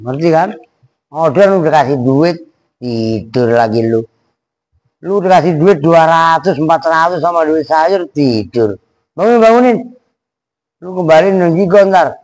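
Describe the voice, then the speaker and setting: A man teaching a kitab at an Islamic boarding school, reading slowly word by word and teasing his students. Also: on the high side, animated, darkish tone. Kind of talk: casual classroom teaching of Arabic rhetoric.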